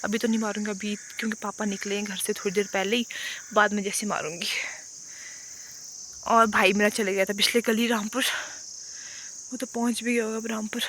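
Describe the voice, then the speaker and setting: Young woman, casual vlogger, bright chatty voice, rambling delivery, phone mic outdoors. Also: mid-range voice, flat delivery, brisk, long pauses, slight background noise. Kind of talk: casual vlog chat. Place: outdoors at a rural home and fields.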